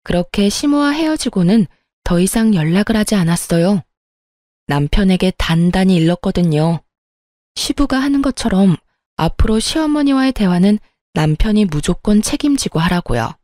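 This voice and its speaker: A woman telling a true family story in the first person, in a calm, confiding way. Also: mid-range voice, moderate pace, no room sound, clean studio sound. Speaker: narrator. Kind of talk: scripted narration of a true story.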